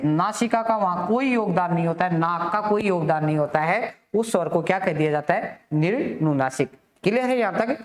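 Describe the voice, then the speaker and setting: A man teaching a grammar lesson for exam students. He asks the class questions, answers them himself, and repeats the key terms. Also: high-pitched. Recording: echoey room.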